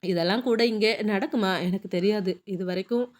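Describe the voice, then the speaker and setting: A woman's voice: medium pitch, moderate pace, darkish tone, natural voice. A woman reading the lines of a shy, earnest young actress who is new to films, in a Tamil audiobook. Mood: puzzled. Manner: puzzled, earnest.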